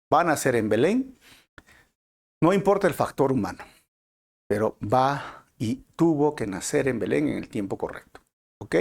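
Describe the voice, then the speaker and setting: A man's voice: mid-range voice, darkish tone. A man with a Peruvian Spanish accent, teaching an online Bible study in a methodical, explanatory way. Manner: methodical, explanatory, self-correcting. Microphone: close mic, streamed online.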